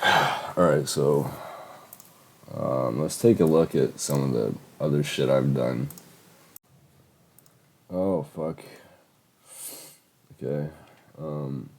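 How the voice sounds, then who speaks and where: Stuffed up with a bad cold, a young man in his late teens drawls in a bass voice that's creaky with a breathy edge, drawing out words and pausing often. He's casually commenting on a screen recording of his old music, rambling with fillers and swearing.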